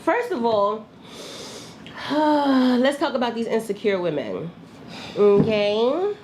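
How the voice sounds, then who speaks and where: A woman's voice: a little high, big pitch swings, slow pace, noisy background. A woman from New Jersey hosting a candid advice podcast, talking bluntly with profanity and frequent laughter. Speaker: podcast host.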